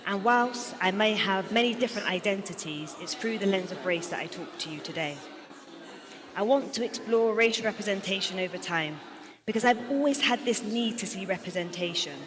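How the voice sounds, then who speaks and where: A woman gives an earnest, storytelling speech, and her voice sits at an ordinary middle pitch. She builds her points rhetorically and keeps returning to a repeated refrain. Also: brisk, a crowd in the background. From United Kingdom. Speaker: assistant principal giving a talk.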